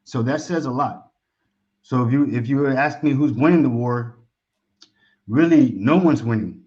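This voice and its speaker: Calling in as an expat guest, this man from Texas talks in a chatty, slangy, familiar American manner during a casual conversation. He has a mid-range, dark voice at normal speed, and the call audio is dull and lo-fi.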